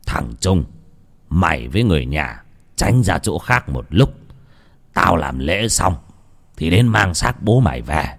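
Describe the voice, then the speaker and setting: A man's voice: big pitch swings, a little slow, gravelly, long pauses, husky, heavily acted. A man doing a cold stern ritual master. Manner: cold, curt, low and quiet commands.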